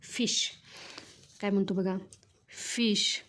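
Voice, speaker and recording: A woman's voice: mid-range voice, normal speed, darkish tone. Marathi woman teaching children phonics. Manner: repetitive question-and-answer teaching.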